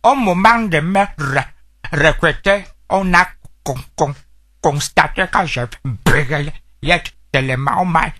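A man's voice: on the high side, slow, sharp tone, full character voice. A man playing a stammering young man who keeps repeating syllables in a comedy sketch. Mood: pleading. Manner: heavy stutter, repeats syllables.

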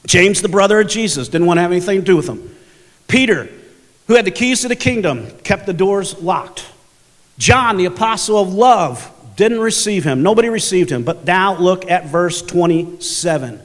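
Pastor preaching a storytelling sermon, high-pitched and emphatic, big church reverb. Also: male voice, expressive, normal speed. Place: large church sanctuary.

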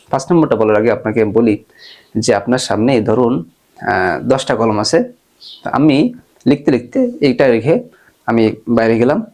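In an online lecture, a man with a mid-range, darkish voice teaches Arabic grammar. He slows down, poses questions to his listeners and answers them himself, working through everyday examples.

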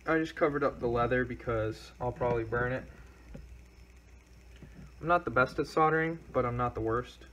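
A young man casually narrating a car repair as he works, chatty and thinking out loud. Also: medium pitch, slight background noise, low-quality recording. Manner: relaxed, chatty, thinking aloud while working. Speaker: car DIY video maker.

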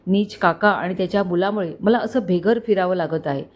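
A woman's voice: lowish voice, brisk, natural voice. A woman storyteller voicing a young woman on the run, brooding and anxious as she thinks aloud in a spoken story.

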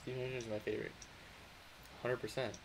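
A young man streaming a game live, chatting casually and excitably with friends and shouting out his viewers. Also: medium pitch, fast. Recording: faint background noise.

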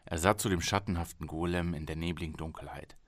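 Low-voiced male audiobook narrator. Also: no room sound, studio quality. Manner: measured, expressive reading. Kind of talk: scripted narration. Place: small home studio. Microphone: studio microphone.

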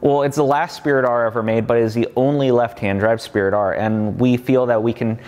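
A man's voice: mid-range voice, fairly even intonation, brisk, darkish tone. A man in his thirties giving an enthusiastic, fact-packed walkaround as a guide to a company collection, with lots of fillers. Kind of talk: casual walkaround explanation. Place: large underground parking garage. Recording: long garage reverb.

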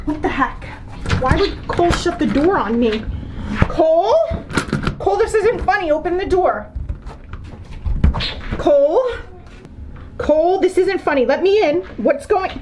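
A woman's voice: very high voice, animated, unhurried, long pauses, noisy background. A middle-aged woman filming a spooky family vlog on a handheld camera, exclaiming in puzzled disbelief as she moves from a backyard garden into a dim basement. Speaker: family vlogger.

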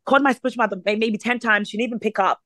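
A woman's voice: a little high, steady tone, very fast, fairly bright tone, no room sound. A woman leading a prayer meeting by phone, talking in an earnest, conversational way with many fillers. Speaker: prayer line leader.

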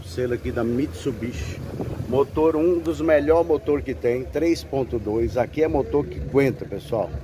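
A Brazilian man, a car broker showing a pickup to viewers in a pitchy sales patter, filming with a handheld phone in an outdoor car fair lot. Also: moderate pace. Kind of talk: walkaround car sales video. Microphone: handheld phone camera held by the speaker. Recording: outdoor phone audio with background noise.

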